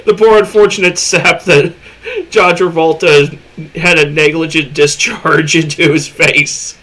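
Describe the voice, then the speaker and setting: A man co-hosting a casual livestream over a headset mic, easygoing and quick to laugh between remarks. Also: on the high side, fairly even intonation, sharp tone. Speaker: streamer co-host.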